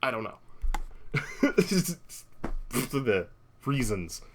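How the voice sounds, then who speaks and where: A man's voice: mid-range voice, very animated, slow pace, noisy background. A young man hosting a podcast, recapping a horror movie in a chatty way with wry asides and frequent fillers. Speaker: podcast host.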